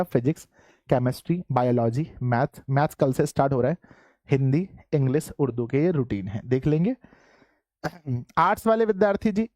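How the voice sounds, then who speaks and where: A male teacher leads an online class, his voice sitting a little high for a man. He keeps calling out to his students and answers his own questions. The sound is dry and close, with little room in it. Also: a little mellow, no room sound.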